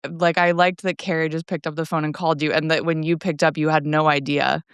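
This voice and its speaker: A woman in her twenties tells a story in a loose, chatty way, full of fillers and laughter. Her voice is smooth and clear, and the mic is close and dry. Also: deep voice, little pitch movement, fairly quick, dry recording. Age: 20s. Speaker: podcast co-host. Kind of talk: casual family chat.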